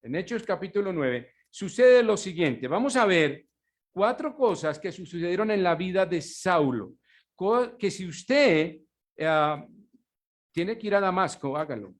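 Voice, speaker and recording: Emphatic, higher-voiced male pastor preaching. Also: animated. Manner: asks the congregation rhetorical questions and pauses for them to answer; emphatic preaching with slowed, stressed words. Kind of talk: sermon.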